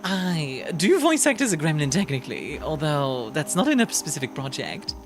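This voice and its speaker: A woman's voice: low voice, big pitch swings, moderate pace. A young woman streaming a video game, chatting casually and rambling with fillers and laughs. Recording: game music playing behind.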